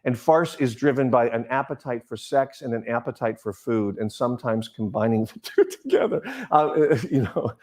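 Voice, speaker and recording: A middle-aged man giving an informal lecture on the stage arts, rambling like a professor, with digressions, halting restarts and personal anecdotes. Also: mid-range voice, darkish tone. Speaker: lecturer on musical theater.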